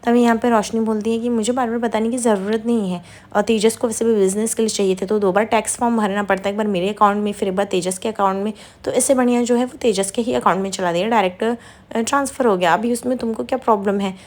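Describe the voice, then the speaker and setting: Fast-talking woman recapping a serial. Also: medium pitch, fairly even intonation, darkish tone. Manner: rapid, chatty retelling. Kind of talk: fast episode recap with quoted dialogue.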